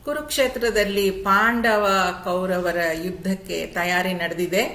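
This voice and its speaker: Slow, patient woman teaching scripture. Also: mid-range voice, fairly bright tone, roomy sound. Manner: slow, patient teacher asking the class questions. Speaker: Gita teacher. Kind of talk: explaining scripture to a class.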